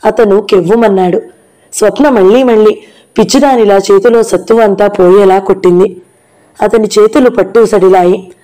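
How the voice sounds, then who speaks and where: A woman reads a novel aloud in a steady, expressive storyteller's manner. Her voice is mellow and warm, sitting at an ordinary middle pitch. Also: low-quality recording. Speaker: audiobook narrator.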